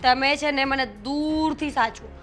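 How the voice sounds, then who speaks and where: An actress playing a young daughter-in-law who speaks in a curt, scolding way. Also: female voice, high voice, measured pace, fairly bright tone, faint music behind. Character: sharp-tongued annoyed young daughter-in-law. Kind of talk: short film acting.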